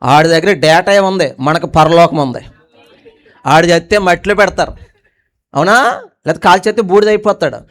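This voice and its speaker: A male pastor delivers a sermon in a high, smooth, resonant voice. He keeps throwing questions at the congregation and drops from forceful emphatic lines to quiet, low asides. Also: moderate pace, long pauses. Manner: preaching with call-and-response questions to the congregation.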